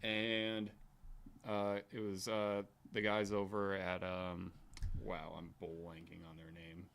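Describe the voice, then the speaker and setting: A man with an American accent chatting casually about fishing, relaxed and agreeable. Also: sits low, slow, gravelly. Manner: relaxed, lots of agreeing backchannel.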